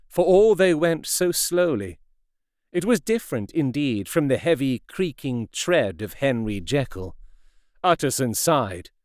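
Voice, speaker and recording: A man narrating a classic novel as an audiobook in a measured, expressive way. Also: a little high, clear, resonant tone, no echo, clean studio sound. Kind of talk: scripted narration.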